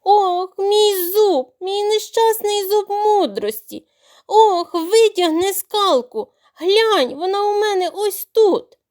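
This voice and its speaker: A woman voicing a greedy male crocodile in a storybook, moaning and wailing in long, drawn-out groans. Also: high voice, sing-song, a little mellow.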